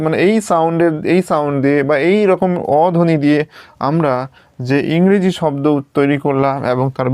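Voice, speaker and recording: A man's voice: on the high side, a little mellow, smooth, dry recording, studio quality. A man teaching English pronunciation, patiently spelling out each sound step by step and checking that his students follow. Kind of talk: slow step-by-step lesson at a writing board.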